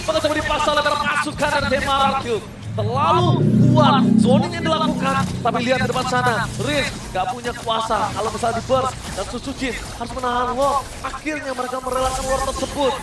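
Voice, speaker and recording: Indonesian male fighting game announcer, very high and fast, hyped dramatic calls. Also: fairly even intonation. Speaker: esports shoutcaster, play-by-play. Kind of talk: fighting game announcer style play-by-play commentary. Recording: echoey, distant, loud music behind.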